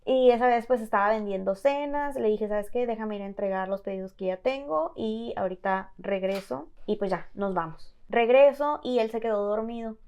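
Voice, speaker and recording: A woman from Mexico telling her own story as a guest in an interview, halting and full of fillers and restarts. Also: a little high, darkish tone, smooth. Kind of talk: personal testimony in an interview.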